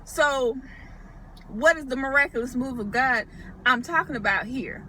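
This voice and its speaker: A woman's voice: sits high, a little slow, sharp tone, a little hiss or hum, low-quality recording. A woman giving a casual Bible teaching, thinking aloud and checking her notes. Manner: conversational, thinks aloud with restarts, refers to notes.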